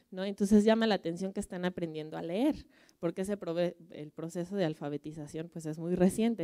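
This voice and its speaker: A woman's voice: medium pitch, mellow, clean tone. A woman curator with a Mexican Spanish accent giving a museum lecture, telling folk tales in a chatty, conversational way and often checking in with her audience. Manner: conversational, storytelling, frequent tag questions. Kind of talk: public lecture.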